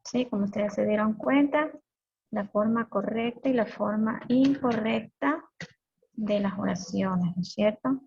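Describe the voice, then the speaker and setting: A woman lecturing in a live online lesson, her voice husky with a gravelly edge. She keeps checking that the class follows along. The stream audio sounds dull and lo-fi. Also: mid-range voice, a little slow, darkish tone. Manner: checks in with frequent "¿sí?". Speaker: teacher.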